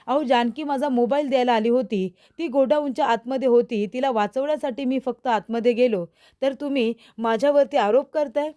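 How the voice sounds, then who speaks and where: A woman's voice: sits high, a little fast, dark tone, lightly acted. A woman voicing a young man who defends himself against blame, in a retold serial recap. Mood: defensive. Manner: pleading, defensive. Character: young man pleading his innocence.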